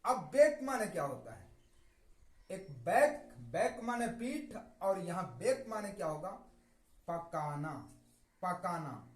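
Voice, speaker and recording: Slow, lively-pitched teacher spelling words. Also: male voice, reverberant, low-quality recording. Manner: spells words letter by letter, asks and answers own questions; repeats words slowly and emphatically. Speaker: English teacher. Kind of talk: vocabulary lesson with spelling and repetition.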